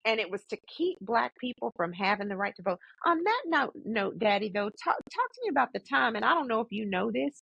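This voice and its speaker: A woman in a conversational family interview, speaking emphatically and repeating phrases, on low-bitrate audio. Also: expressive, a little fast, vocal fry, few pauses, fairly bright tone, husky, dry recording, lo-fi sound. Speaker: interviewer, daughter questioning her father.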